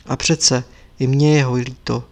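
A man's voice: mid-range voice, flat delivery, darkish tone, natural voice. A man voicing a stern, wise old male lama teacher, speaking in a grave, instructive way as he reads a story aloud. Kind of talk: audiobook character reading.

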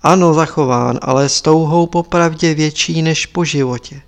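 A wise old lama teacher speaks gravely and instructively, as a man reading a story voices him. The voice sits a little high for a man. It is read in a storybook style. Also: close to an everyday voice. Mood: stern. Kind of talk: audiobook character reading.

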